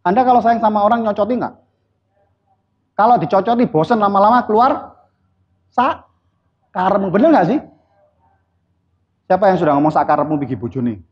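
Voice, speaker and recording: Male seminar speaker, high and lively voice, blunt teasing delivery. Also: brisk, pauses often. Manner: blunt, teasing, quizzes the audience. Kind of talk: live motivational seminar talk. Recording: dull lo-fi recording.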